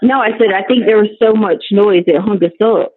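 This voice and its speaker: A woman's voice: medium pitch, brisk, no room sound. An incarcerated woman talking casually on a prison phone, rambling through her day in a chatty way. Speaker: incarcerated caller. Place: jail housing unit. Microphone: jail phone or tablet. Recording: tinny prison phone line.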